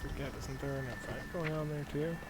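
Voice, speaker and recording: A man giving relaxed, chatty gameplay commentary, half talking to himself. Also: mid-range voice, a little fast, very noisy. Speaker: gamer reading quests aloud. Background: game music.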